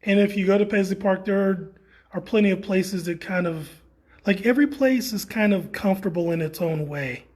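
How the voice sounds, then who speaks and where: Man, high pitch, relaxed rambling tour guide, exhibit walkthrough. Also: brisk. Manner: relaxed, rambling, many fillers. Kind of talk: casual guided gallery tour. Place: indoor art exhibit.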